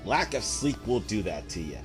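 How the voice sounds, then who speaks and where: A young man, hoarse from a cold, gives laid-back, rambling let's play commentary at a measured pace as game music plays behind him. His voice sits on the low side with big pitch swings, and he fills gaps with fillers and frequent throat clearing.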